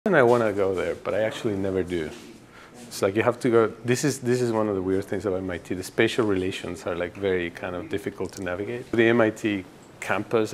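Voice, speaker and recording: Low-voiced man, rambling. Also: slight background noise. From Ecuador. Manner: rambling, relaxed, many fillers and restarts. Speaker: graduate student giving a campus tour. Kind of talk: casual documentary interview.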